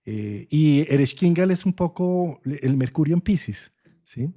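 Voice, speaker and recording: Mellow-voiced man explaining with frequent checks. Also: on the high side, a little slow. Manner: frequent "¿sí?" checks, thoughtful and expressive. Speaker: astrologer. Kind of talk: conversational explanation in an online talk.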